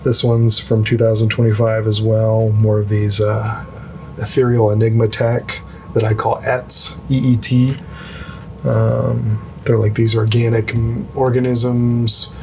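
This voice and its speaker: A man with a very creaky, gravelly voice talks in a hushed, quiet late-night way. He hosts a casual sketchbook tour vlog, with music playing behind him. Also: on the low side, level tone, slow, slight background noise. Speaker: art channel host.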